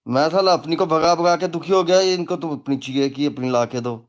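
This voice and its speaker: A man's voice: on the high side, brisk. A man who presents himself as a tantric guru, ranting casually in a crude, mocking, rambling way. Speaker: self-styled tantric guru. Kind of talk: casual live rant.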